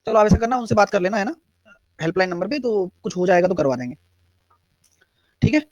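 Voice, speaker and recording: An animated man with a high, somewhat dark voice teaches math live online at a quick pace, explaining step by step and replying to students in chat. His accent blends Hindi and English. The audio is dry and dull.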